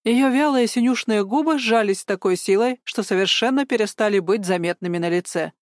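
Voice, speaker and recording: A woman's voice: medium pitch, a little fast, no echo. Woman narrating an audiobook, dry sound. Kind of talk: scripted narration.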